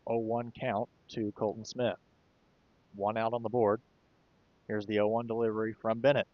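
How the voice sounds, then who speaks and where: A man doing relaxed, conversational play-by-play commentary for a baseball game, with occasional fillers. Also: lowish voice, moderate pace, no room sound, lo-fi sound. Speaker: play-by-play announcer.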